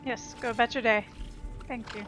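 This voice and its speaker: This let's play host's voice is a little high, with fairly even intonation and a moderate pace. She plays casually, mocking herself and thinking out loud amid game music and sound effects.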